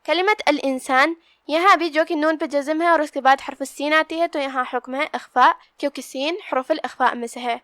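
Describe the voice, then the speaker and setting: High-voiced woman teaching Quran recitation. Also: sharp tone, no echo, studio quality. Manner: slow measured recitation between plain explanations. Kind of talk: tajweed lesson.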